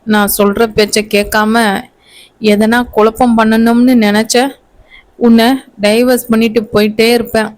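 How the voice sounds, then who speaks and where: A woman's voice: on the high side, flat delivery, unhurried, pauses often, darkish tone, lightly acted. A woman reading a storybook voices a bitter young husband who scolds and threatens his new wife in a curt, menacing way. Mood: harsh, menacing.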